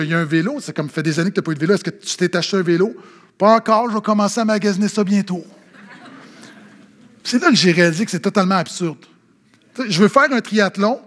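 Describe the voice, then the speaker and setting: A man with a Québécois French accent, preaching a sermon as pastor and telling funny anecdotes, acting out the people he quotes. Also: very high-pitched. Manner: animated storytelling, acting out quoted voices.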